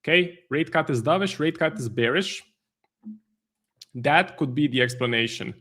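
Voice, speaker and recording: A man, his voice sitting a bit high for a man, gives live market commentary as a trading stream host. He thinks aloud in loose, halting sentences full of fillers and restarts. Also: animated, fairly bright tone. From Croatia.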